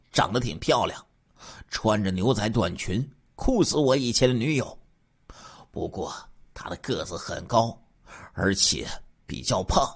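A man narrates a true-crime case in the first person, voicing the killer's confession. His voice is husky, and his pitch swings very widely as he moves between hushed asides and loud bursts.

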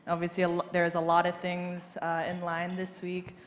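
This casual onstage interview features a woman golfer in her twenties holding a handheld mic in a large banquet hall. Her pitch is fairly low and her pace moderate, and she stays relaxed, laughing lightly and leaning on many fillers. Faint noise and the hall's reverb come through.

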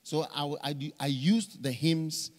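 On a large church stage, a middle-aged man delivers a conference sermon in a slightly high, unhurried voice. He holds a mic and tells lively stories that lean on repeated phrases, with the hall echoing around him.

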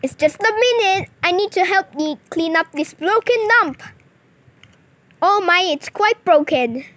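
A woman tells a toy play story in a very high voice. She takes her time, drawing out each line and filling the scenes with sing-song sound effects and little character voices. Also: animated, a little slow, a bit bright.

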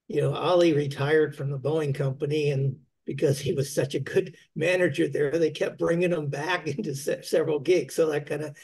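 A man's voice: on the high side, gravelly, a little mellow, slightly rough. A man, an author who helps others publish, telling a friendly anecdote on a video call panel.

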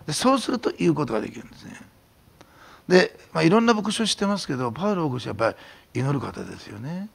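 A middle-aged man preaching a sermon as pastor, swinging from hushed whispers to loud emphatic declarations. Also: a little high, fast talker, vocal fry, slightly rough. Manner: animated preaching, drops to a hushed whisper for emphasis, then shouts.

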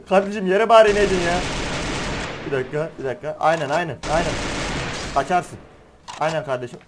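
A young man giving excitable, slangy play-by-play of a shooter game, teasing the players he beats. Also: on the high side, brisk, noisy background. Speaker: gaming streamer. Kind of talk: live gameplay commentary. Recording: game music and gunfire behind.

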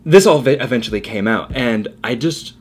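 A man's voice: mid-range voice, expressive, moderate pace, breathy edge. A young man co-hosting a casual podcast, telling a long story loosely with many fillers. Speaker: podcast co-host. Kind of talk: casual chat.

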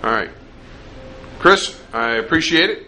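A man's voice: a little high, lively intonation, a little slow, pushed and bright. Off-camera man asking tour questions. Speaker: interviewer, supply company rep. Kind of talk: casual walkthrough interview. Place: restaurant interior, indoors. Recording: noisy background hum.

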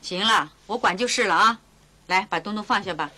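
A woman's voice: medium pitch, brisk, pushed and bright, slight background noise, close to an everyday voice. A woman playing a stern, lecturing elder sister. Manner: firm, lecturing, decisive. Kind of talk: 1990s TV drama acting.

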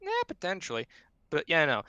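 Speaking in a remote voice chat, a man in the audience of an online panel asks a question, rambling casually and joking at his own expense. His voice is fairly high, expressive and fairly quick, with a pushed, bright quality, and the highs are cut off.

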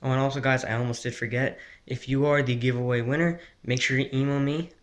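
A man's voice: medium pitch, steady tone, quick pace. A teenage male with an American accent hosting a casual vlog-style giveaway announcement, talking directly to viewers. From New Jersey, United States. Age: teens. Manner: casual, addressing viewers as guys. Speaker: fishing channel host.

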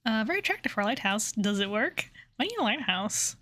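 Woman livestreamer for casual game commentary: playful, giggly, very lively intonation, dry close sound. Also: fairly high pitch, fast talker, no room sound. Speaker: game streamer.

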